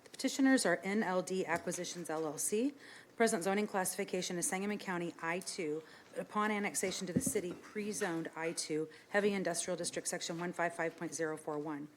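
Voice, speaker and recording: A woman with a slightly low voice reads formal meeting business as the chair. Her delivery is brisk and businesslike, moving steadily through procedure. Some room noise sits behind her. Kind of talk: formal reading of agenda and procedure. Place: indoor council meeting room.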